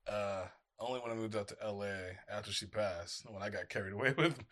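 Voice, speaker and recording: A man's voice: on the low side, a little fast, a bit bright. A man chatting casually on a podcast, rambling loosely with many fillers. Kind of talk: casual chat.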